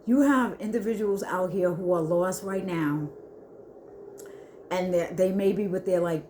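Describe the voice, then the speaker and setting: A woman giving an earnest spiritual reading to her viewers, talking haltingly with many restarts. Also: on the low side, darkish tone, slight background noise. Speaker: spiritual reader. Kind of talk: intuitive spiritual reading to camera.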